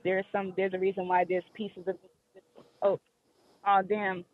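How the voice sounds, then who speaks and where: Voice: mid-range voice, completely flat delivery, a little slow, no room sound. A person talking over a phone call that keeps breaking up, speaking casually and openly, rambling a little and swearing now and then. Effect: heard over a phone call that keeps breaking up. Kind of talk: casual heartfelt chat. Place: driving through a wooded area. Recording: muffled, dull phone line.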